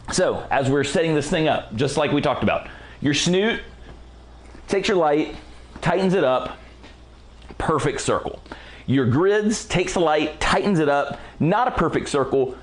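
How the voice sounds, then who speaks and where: A man teaching a casual photography lighting tutorial in a relaxed, slangy, enthusiastic way while he is losing his voice. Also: a little high, measured pace. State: losing his voice, clearing throat. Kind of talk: casual product walkthrough tutorial.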